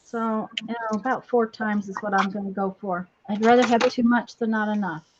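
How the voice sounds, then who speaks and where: A woman casually hosting a live craft demonstration in a halting, folksy, apologetic way, her voice repeating with a strong echo. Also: mid-range voice, steady tone, noisy background. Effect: strong distracting echo on the voice. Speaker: craft tutorial host. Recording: dull lo-fi sound with bad echo.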